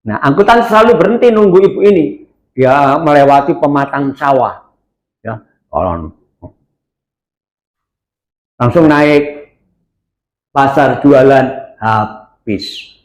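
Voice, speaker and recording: A man preaching a sermon in a church, telling a story and swinging from low, quiet lines to high, loud cries. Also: animated, a little slow. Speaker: pastor. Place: church hall. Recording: echoey church hall.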